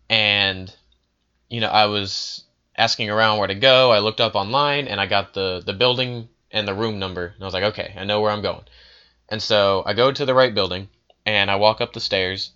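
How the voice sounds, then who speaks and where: Young man, casual storyteller, smooth and crisp, lo-fi sound. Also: lowish voice, bright, forceful tone. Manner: rambling, with frequent fillers and restarts.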